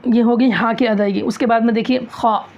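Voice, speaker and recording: A tajweed teacher leads a classroom lesson on Quran recitation, her voice a little high, fairly even and fairly quick. She asks questions, answers them herself, repeats key phrases, and demonstrates sounds aloud in a loud, drawn-out way. The recording is dull and lo-fi, typical of a classroom.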